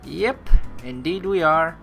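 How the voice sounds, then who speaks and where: A low-voiced woman, a let's play streamer, reads a story game aloud at a slow pace with vocal fry. Her comments are very animated and dramatic, full of expressive reactions and wide pitch swings, while faint game music plays underneath.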